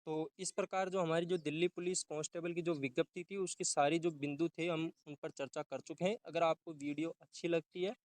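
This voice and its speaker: A young man walks viewers through a recruitment notice in a casual teaching style, now and then restarting his words. His voice is smooth and clear, pitched slightly high, and recorded dry and close with no room sound. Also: steady tone, a little fast, hardly any pauses, no echo. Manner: informal, repeats and restarts words while explaining. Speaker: exam-prep YouTuber. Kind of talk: explaining a job notification.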